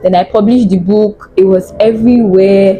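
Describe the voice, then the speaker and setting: A woman's voice: mid-range voice, steady tone, moderate pace, dark tone, faint music behind, rough recording. A Nigerian woman in her twenties telling a personal story in a candid, emotional way, often repeating words for emphasis. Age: 20s. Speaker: podcast guest. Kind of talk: casual storytelling chat.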